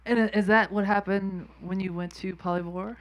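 A woman moderating a fireside chat, asking questions in a relaxed, conversational way into a handheld mic. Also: mid-range voice, normal speed, heavy background noise. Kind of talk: interview questions on stage. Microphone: handheld mic, seated.

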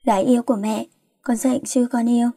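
A woman's voice: fairly high pitch, a little fast, mellow, no echo, studio quality, close to an everyday voice. A woman voicing a middle-aged mother who nags and scolds her grown daughter. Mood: nagging. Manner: nagging, scolding. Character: nagging middle-aged mother, fussy and worried.

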